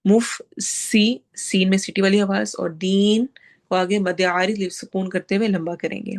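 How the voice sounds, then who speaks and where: Female recitation teacher, brisk instructive delivery, mid pitch. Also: level tone. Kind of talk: tajweed lesson.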